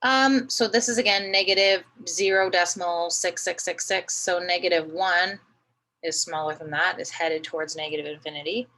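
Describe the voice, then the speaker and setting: A woman's voice: lowish voice, normal speed, bright, forceful tone, poor audio. A woman teaching a math lesson, patiently talking through each step and often checking in with "right?".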